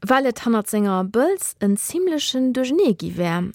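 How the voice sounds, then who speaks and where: A woman narrating a children's radio story in a lively reading voice, giving the characters their own voices. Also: a little high, normal speed, dry recording, clean studio sound.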